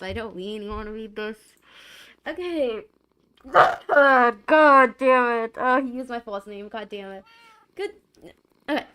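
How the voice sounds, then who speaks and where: Into a desk microphone at her home gaming setup, a young adult woman chats casually on a live stream. Her mid-range voice is clear and resonant, and she's giggly and rambling, often saying things twice.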